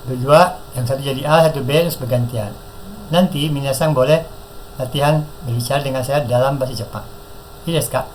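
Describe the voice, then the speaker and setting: A man with an Indonesian accent teaching a Japanese class, drilling words slowly and praising the learners often. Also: fairly high pitch, darkish tone, a little hiss or hum, low-quality recording. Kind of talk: classroom lesson with call-and-repeat drills.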